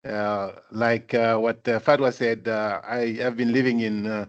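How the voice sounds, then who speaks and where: An older man from Senegal giving a speech at a corporate event, talking in a measured way, with many fillers and repeated phrases for emphasis. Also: medium pitch, level tone. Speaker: guest speaker. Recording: dull lo-fi sound.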